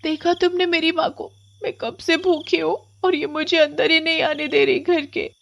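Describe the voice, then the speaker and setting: A woman's voice: extremely high pitch, flat delivery, moderate pace, gravelly, a bit bright, pitched above the performer's own voice, full character voice. A woman voicing an unhappy, timid young girl who talks tearfully and pleads. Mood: pleading.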